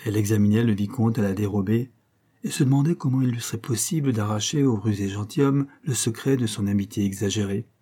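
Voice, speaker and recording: Husky-voiced male audiobook narrator. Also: on the low side, mellow. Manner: measured, literary reading.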